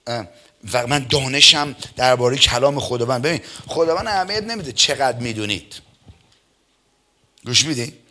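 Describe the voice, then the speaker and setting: A middle-aged man preaching a sermon, reading scripture slowly and emphatically and peppering his talk with amens and hallelujahs. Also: mid-range voice, sharp tone. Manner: says some words are hard for him to pronounce. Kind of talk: Persian church sermon.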